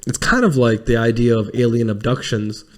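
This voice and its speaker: A man co-hosting a casual podcast chat, animated and swearing freely as he riffs. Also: mid-range voice, moderate pace. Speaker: podcast co-host.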